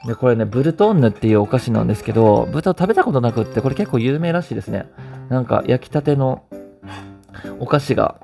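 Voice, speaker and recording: A man with a Kansai Japanese accent hosts a vlog in a loose, playful chat, teasing and laughing as he reads out listener stories. His voice is mellow and warm with a gravelly edge. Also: mid-range voice, animated, fast, faint music behind. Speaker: vlog host.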